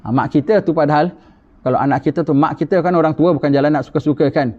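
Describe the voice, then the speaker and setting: Male religious teacher, emphatic lecture delivery, fairly high voice, muffled lo-fi audio. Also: fast. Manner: emphatic, rhetorical questions. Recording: dull lo-fi recording.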